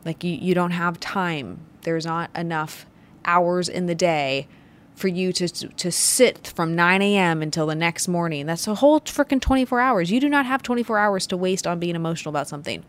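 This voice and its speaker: Speaking at normal speed in a lowish voice, a female business owner and podcast host delivers a motivational talk on her show. She leans on emphatic, punchy phrasing, hitting short phrases hard.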